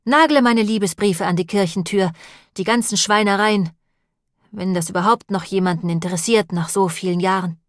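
A woman's voice: medium pitch, normal speed, no room sound, clean studio sound, lightly acted. A woman reading the lines of a nervous, whining priest in an audiobook, plaintive and fretful in tone. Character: nervous, whining long-nosed priest man.

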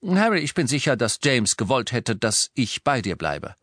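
A man's voice: medium pitch, very animated, moderate pace, a bit bright, dry recording, studio quality, voice pushed up. A man reading the part of a weary, guarded middle-aged werewolf teacher in an audiobook, his speech tense and clipped.

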